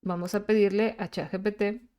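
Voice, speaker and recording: A woman's voice: medium pitch, fairly even intonation, dark tone, clear, resonant tone. Patient woman teacher. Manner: patient, explanatory, many fillers and pauses. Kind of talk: screen-recorded lesson.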